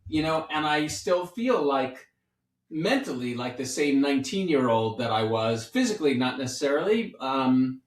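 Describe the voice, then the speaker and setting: Man in his 50s, doctor-host type, playful and rambling, mid-pitched, set back from the mic in a roomy space. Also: animated, normal speed, recorded from a distance. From New York City. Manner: chatty, playful, rambling with restarts. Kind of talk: casual podcast chat.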